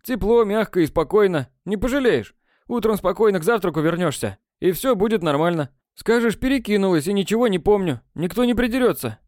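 A man's voice: sits high, expressive, fairly quick, a little mellow, dry recording, studio quality, pitched above the performer's own voice. A man reading an audiobook, voicing a cocky, scheming teenage schoolboy from a magic school with a pushy, needling manner. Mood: coaxing.

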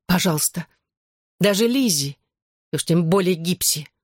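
A woman's voice: fairly low pitch, expressive, moderate pace, no echo, clean studio sound. A woman voicing a shy, embarrassed teenage girl in an audiobook, speaking hesitantly. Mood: sheepish. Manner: hesitant, sheepish.

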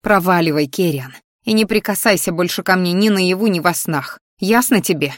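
A woman voicing a defiant young woman who snaps back with sharp, scornful retorts. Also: fairly low pitch, normal speed, no room sound, clean studio sound, lightly acted.

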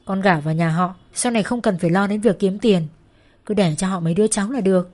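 A woman's voice: mid-range voice, quick pace, darkish tone, close to an everyday voice. A woman voicing a desperate mother who tearfully begs her daughter for help, in a spoken story. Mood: pleading. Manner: tearful, begging. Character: desperate pleading mother in debt.

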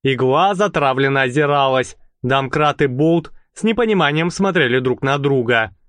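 With a mid-range voice at normal speed, a man reads an audiobook expressively, as if telling a story. The recording is dry.

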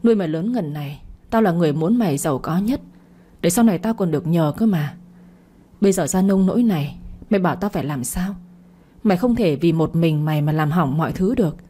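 A woman reading the part of a bitter older aunt who scolds her niece abusively, in a low, warm voice. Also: expressive, a little fast, breathy edge. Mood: raging.

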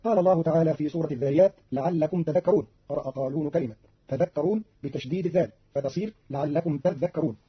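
A male radio announcer reads a scripted explanation in a brisk, matter-of-fact way. His voice is rough and husky, and he rattles through the text at great speed. The recording is dull and muffled, like an old broadcast. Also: a little high. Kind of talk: scripted explanation of recitation variants.

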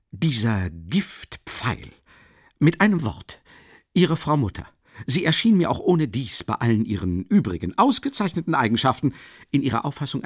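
A man reading an audiobook, voicing a pompous, offended middle-aged gentleman who speaks haughtily and indignantly. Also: mid-range voice, breathy edge, dry recording, clean studio sound.

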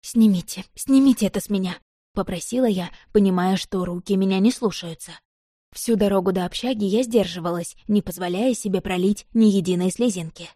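A woman narrating a novel in a calm, measured reading. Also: mid-range voice, dry recording, clean studio sound. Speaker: audiobook narrator. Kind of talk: scripted narration.

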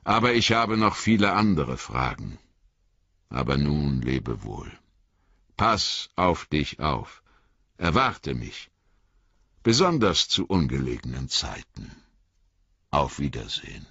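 A man reading an audiobook, voicing an old, grave and cautious male wizard who speaks in measured warnings. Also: a bass voice, sing-song, creaky, fairly bright tone, breathy edge, no echo, heavily acted. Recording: dull lo-fi audiobook recording.

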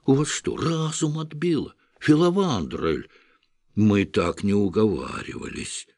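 A man voicing an indignant, bleating goat-like male devil with a shrill, squawking voice. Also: unhurried, darkish tone, dry recording, studio quality.

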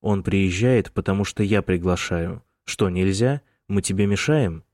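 Man doing an annoyed young son, terse, defensive, low mellow voice, audiobook. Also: a little slow, no echo, studio quality. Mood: irritated. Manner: terse, irritated.

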